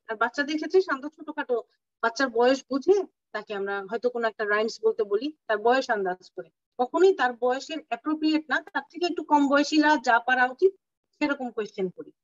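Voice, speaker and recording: A woman teaching an online medical class, explaining terms slowly and often checking that students follow. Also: on the high side, dry recording. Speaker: medical lecturer. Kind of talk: online clinical class lecture. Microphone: video call. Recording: distant, dull lo-fi audio, dry.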